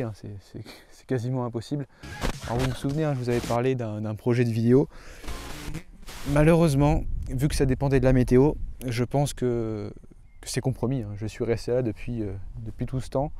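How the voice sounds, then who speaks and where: A man's voice: medium pitch, warm tone, a little hiss or hum. A man talking to camera in a casual, enthusiastic astronomy travel vlog outdoors, with many fillers and restarts. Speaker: astronomy vlogger. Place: outdoors in a hilly valley.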